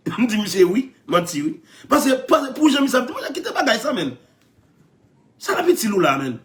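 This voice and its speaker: Excitable high-voiced Haitian Creole man. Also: moderate pace, slight background noise. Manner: excitable, laughs often, repeats phrases, calls out. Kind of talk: animated storytelling chat.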